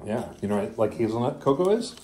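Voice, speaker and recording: A man's voice: medium pitch, big pitch swings, quick pace, mellow, slight background noise. A father casually reviewing snacks with his child, reading the package blurbs aloud and teasing playfully.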